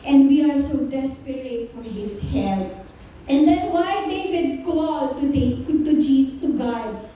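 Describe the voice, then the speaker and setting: Filipina lady pastor preaching taglish, high voice, slow and dark toned, echoey hall mic far off. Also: slight background noise. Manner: animated preaching, mixing Tagalog and English. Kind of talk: Taglish sermon. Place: church. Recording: echoey church hall, voice from a distance.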